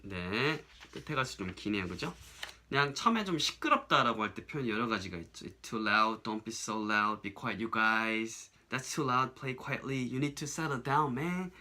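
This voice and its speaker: A man teaching an English lesson in a casual, chatty way, often checking "right?" and saying English lines slowly as examples. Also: medium pitch, animated, pushed and bright.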